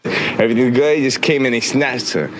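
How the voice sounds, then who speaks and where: A man's voice: medium pitch, brisk, crowd noise, rough recording. A man interviewed for the news outdoors, pleading and repeating "man" as he talks. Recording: street noise and passing traffic.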